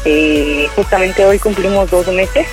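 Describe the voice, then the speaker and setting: A woman's voice: on the low side, a little slow, over music. A young woman caller chatting casually by phone, giggly and giving brief, shy answers.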